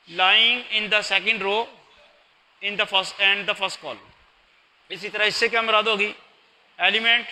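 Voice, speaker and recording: A man's voice: high-pitched, sharp tone, rough recording. A man giving a recorded math lecture, patient and explaining step by step. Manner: patient, explains step by step, mixes in English terms.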